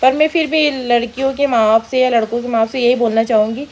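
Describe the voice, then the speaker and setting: A woman's voice: on the high side, steady tone, quick pace, darkish tone, poor audio. A middle-aged woman chatting at home in a family vlog, homely and earnest, explaining things at length. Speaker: mother-in-law in a family vlog. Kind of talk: casual family chat. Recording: clear background noise.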